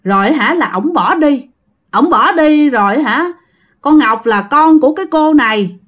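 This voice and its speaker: A woman's voice: sits high, animated, measured pace, a bit bright. A woman voicing a desperate, weeping mother haunted by a ghost, pleading for help. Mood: anguished.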